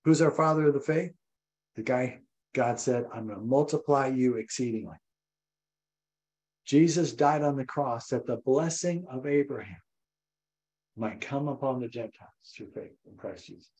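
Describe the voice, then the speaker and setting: An older man preaching a sermon as pastor, animated and repetitive, acting out voices. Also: moderate pace, long pauses, poor audio. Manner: animated, repeats phrases, acts out voices with rising pitch. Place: church.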